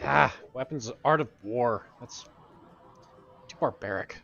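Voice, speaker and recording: Slow-talking disdainful tabletop player man. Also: medium pitch, gravelly, a bit bright, slight background noise. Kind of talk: in-character tabletop chat. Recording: dull lo-fi with faint music.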